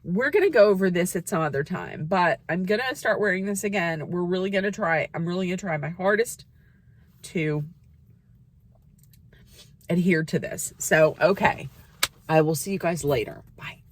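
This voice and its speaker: A woman in her fifties chatting excitedly to camera in a casual vlog, with squeals and laughs. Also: on the low side, normal speed. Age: 50s. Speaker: vlogger.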